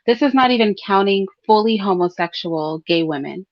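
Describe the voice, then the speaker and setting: A woman talks through her opinions in an informal, conversational way, addressing listeners directly and checking in with tag questions. Her pitch is average for a woman. The recording is dry and slightly muffled, with very little room sound. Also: animated, moderate pace, no room sound. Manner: frequent throat clearing. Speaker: host of a commentary livestream. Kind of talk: conversational solo opinion commentary.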